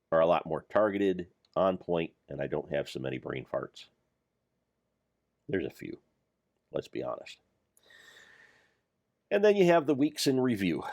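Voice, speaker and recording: An older man jokes and rambles over his Minecraft mod pack gameplay, running himself down as he goes in a meandering way. His voice is low-pitched and a little mellow, recorded with no echo.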